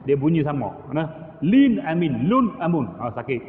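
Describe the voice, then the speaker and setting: Male mosque teacher, middle-aged, unhurried; tinny recording with long hall reverb. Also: fairly high pitch, big pitch swings, slight background noise. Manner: demonstrates recitation, chanting Arabic phrases between plain explanation. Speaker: religious teacher. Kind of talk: mosque lecture on Quran recitation.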